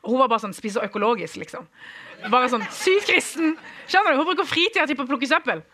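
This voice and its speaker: Young man, church testimony, lively storyteller, bright forceful tone, acts out voices. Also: extremely high pitch. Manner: animated, acts out quoted dialogue, chuckles often. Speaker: speaker giving a testimony. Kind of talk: humorous personal storytelling to an audience.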